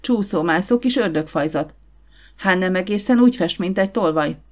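A woman voicing a scornful rough servant man. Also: on the low side, natural voice.

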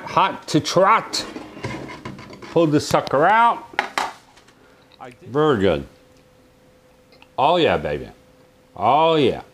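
A man reviewing a kitchen oven in a home kitchen, chatting excitedly with viewers. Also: on the high side, a little hiss or hum. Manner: exuberant, chatty, calls viewers "my friends" and "baby". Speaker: cooking appliance reviewer. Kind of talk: casual cooking review.

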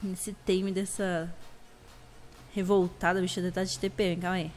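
A young woman with a Brazilian Portuguese accent hosts a gameplay video, chatting casually in let's-play commentary at a moderate pace. Her voice is slightly hoarse, and she talks excitably, breaking into sudden high shrieks.

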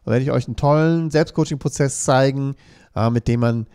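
A man's voice: mid-range voice, a little fast, a little mellow, smooth. A man hosting a live coaching show, reading viewer comments aloud in an earnest way and often checking in with a questioning "ja?". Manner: earnest, keeps adding questioning "ja?" tags.

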